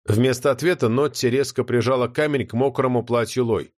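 A man narrating a fantasy audiobook in an expressive, dramatic reading. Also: medium pitch, brisk, no room sound, clean studio sound.

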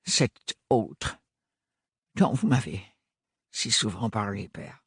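A man voicing a timid, soft-spoken young man, a son who talks hesitantly and in a murmur. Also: fairly low pitch, expressive, takes it slowly, husky, dry recording, studio quality, exaggerated voice. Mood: hushed.

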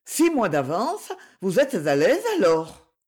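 A reader voicing a gentle, determined woman in her seventies, speaking softly and coaxingly in a slightly raised voice. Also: mid-range voice, big pitch swings, slow pace, husky, heavily acted. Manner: soft-spoken, coaxing.

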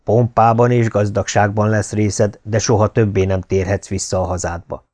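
A man voicing a stately young Inca ruler in an audiobook, speaking in a measured, formal way. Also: lowish voice, little pitch movement, darkish tone, close to an everyday voice. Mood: solemn. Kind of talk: audiobook character reading.

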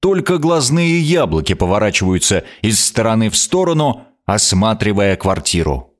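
Brief: male audiobook reader, low voice, very animated intonation, sardonic edge. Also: moderate pace. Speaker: narrator. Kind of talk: audiobook narration.

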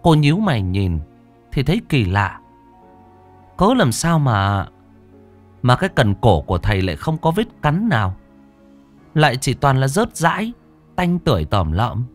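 A man's voice: medium pitch, wildly swooping pitch, normal speed, long pauses, soft background music. A man narrating a horror story in a dramatic, suspenseful storytelling voice.

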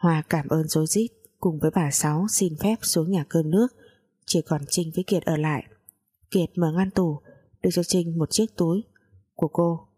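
A woman reads a scripted story aloud at a calm, measured pace. Her voice sits low and mellow. A soft, breathy huskiness runs through it.

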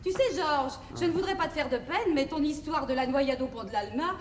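Female, high voice, wry, practical assistant; 1960s film comedy, echoey old soundtrack. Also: lively intonation, brisk. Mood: teasing. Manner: offhand, gently ironic, practical. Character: unruffled, sceptical, teasing female publicist's assistant.

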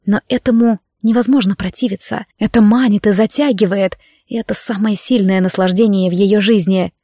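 A woman narrating a romance audiobook in an even, steady reading voice. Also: mid-range voice, moderate pace, dry recording, studio quality.

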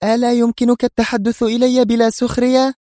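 An irritated young female agent with a sharp, high-pitched, indignant delivery, as a male narrator puts her on. She sounds tense and quick to scold. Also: little pitch movement, dry recording, studio quality.

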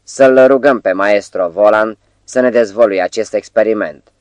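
A man's voice: lowish voice, a little mellow, no room sound, close to an everyday voice. A man voicing a nervous male stage compere who addresses an audience in a sonorous, showman-like way, in an audiobook. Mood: forced confident.

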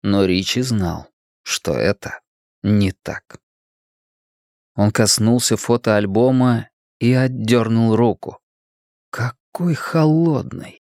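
A man reading a novel aloud as a narrator in a steady, measured voice. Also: fairly low pitch, no echo, studio quality. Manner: reads character lines in raised, stammering voices. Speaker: audiobook narrator. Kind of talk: scripted narration.

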